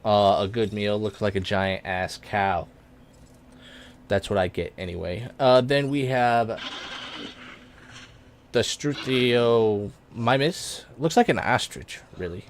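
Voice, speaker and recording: A young man chats his way through a game in a loose, offhand voice that sits a little low, leaning on fillers and correcting himself as he goes. Every so often he jumps up with sudden excitement at what is on screen. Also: slow pace, pauses often, slight background noise. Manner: rambling and offhand, with many fillers and self-corrections. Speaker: gaming YouTuber. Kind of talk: casual let's play commentary.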